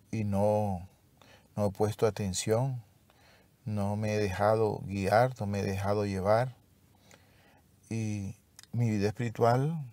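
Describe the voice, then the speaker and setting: Gravelly low-voiced man teaching scripture. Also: a little mellow, no room sound. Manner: slow, reflective, with pauses and restarts. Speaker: Bible teacher. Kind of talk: devotional Bible lesson.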